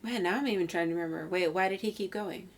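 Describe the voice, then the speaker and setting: A woman's voice: on the low side, quick pace. A woman hosting a podcast in casual chat, playful and teasing as she asks questions. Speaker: podcast host.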